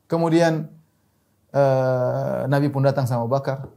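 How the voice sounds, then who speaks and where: A man giving a storytelling sermon, animating the people in his story with lively quoted lines. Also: mid-range voice, measured pace, creaky. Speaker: Islamic preacher.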